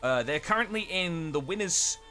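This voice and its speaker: A man casting a live game stream in casual chat, reading chat aloud with quick asides. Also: high voice, lively intonation, bright, forceful tone, faint music behind. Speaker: esports caster.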